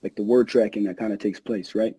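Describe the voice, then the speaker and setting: Mellow laid-back rapper guy. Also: on the low side, a little fast, slightly rough, dry recording, low-quality recording. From Egypt. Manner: laid-back, relaxed, lots of "you know". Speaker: new host, rapper. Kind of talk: casual podcast chat.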